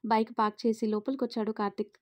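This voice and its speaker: A woman narrating a family story, reading every character's lines in her own voice and lifting louder for the quotes. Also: a little high, little pitch movement, rapid-fire, no echo. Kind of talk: scripted narration with character dialogue.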